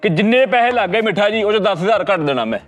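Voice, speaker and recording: A man in a comedy sketch, pleading and bargaining in rapid banter. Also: sits high, expressive, faint music behind.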